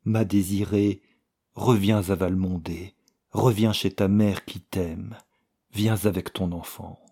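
A man's voice: sits low, steady tone, takes it slowly, vocal fry, mellow, husky, heavily acted. Man reading a tender older mother. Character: loving older mother writing a letter.

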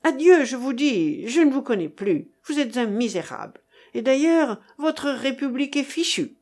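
A woman reading aloud, voicing a proud, quick-tempered gentleman with a sharp, scornful tone. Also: medium pitch, lively intonation, lightly acted. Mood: indignant.

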